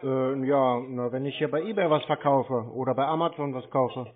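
A man who hosts scam-baiting calls confronts someone bluntly and insistently in an unscripted phone exchange. His voice is mid-range at normal speed, and the recording has a tinny, phone-like radio sound.

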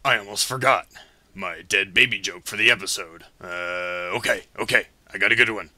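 A low-voiced, very sharp anime parody villain played by a man. He is chatty and theatrical, flippant about his own evil, and stalls casually. The sound is close and dry. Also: moderate pace, no room sound. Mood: flippant, stalling. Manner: casual, stalling, mock-menacing. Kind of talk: comedic anime parody dub.

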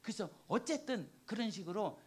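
A woman in her sixties, a missionary preacher giving a sermon testimony in a church, telling her story in an animated, emotional way. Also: mid-range voice, normal speed, slightly rough. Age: 60s. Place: church sanctuary.

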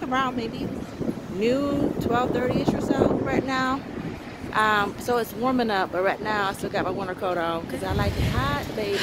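A woman narrating a casual travel vlog with a handheld camera, chatty and relaxed, moving through a hotel room and city streets. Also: on the high side, very noisy. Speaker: vlogger. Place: hotel room, streets and shops, indoors and outdoors.

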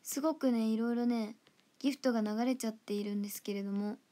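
A young woman with a fairly high voice chats on her own livestream from an indoor room. She reads fan comments in an affectionate, giggly way and now and then sinks into a soft whisper. The sound comes from a simple phone or webcam mic. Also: steady tone, fast. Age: young adult. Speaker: idol livestream host. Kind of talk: casual livestream chat reading fan comments.

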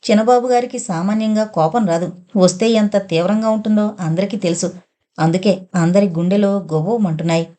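Woman audiobook narrator, mellow, measured, steady storytelling. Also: mid-range voice. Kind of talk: scripted narration of a novel.

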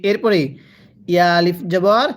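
A woman with a Bangladeshi Bengali accent teaching Quran letter reading, drilling slow call-and-repeat syllables for her class. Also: fairly low pitch, fairly even intonation. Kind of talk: slow drilled recitation lesson.

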